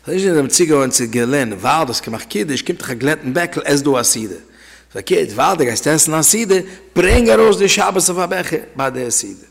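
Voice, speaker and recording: Gravelly rabbi in a reverberant hall. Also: male voice, mid-range voice, expressive, fairly quick. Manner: conversational, telling anecdotes to listeners. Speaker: rabbi teaching a class. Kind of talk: informal religious law lesson.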